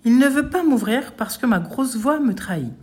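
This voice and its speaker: A woman voicing a loud greedy ogre. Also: fairly high pitch, lively intonation, normal speed, voice pushed up, natural voice. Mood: demanding. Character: ogre, huge greedy male man-eater.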